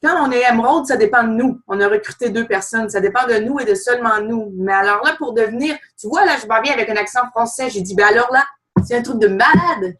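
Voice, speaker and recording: A woman's voice: fairly high pitch, fast talker, hardly any pauses, a bit bright, a little hiss or hum. A woman hosting a team call, asking long, winding questions in a friendly, encouraging way. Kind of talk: casual chat, asking questions.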